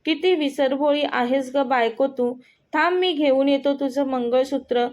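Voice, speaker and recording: A woman's voice: high voice, a little slow, darkish tone. A woman voicing a young husband, flustered and hesitant, musing to himself in a story reading.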